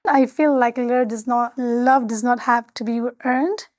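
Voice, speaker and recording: Higher-voiced woman, earnest and searching. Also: steady tone, a little slow, a little mellow, no room sound, studio quality. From Belgium. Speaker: interviewee. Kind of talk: reflective documentary interview.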